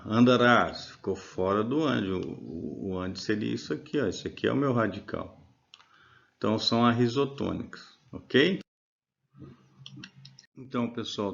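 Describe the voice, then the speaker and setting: A man's voice: fairly low pitch, lo-fi sound. A man teaching a grammar lesson over slides, explaining patiently and often checking that listeners follow.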